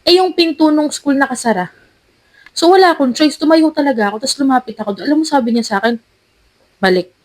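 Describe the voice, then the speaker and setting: Woman podcast host, high voice, spilling a story all animated and chatty. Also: quick pace. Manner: animated, lively storyteller who acts out quotes. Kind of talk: casual storytelling chat.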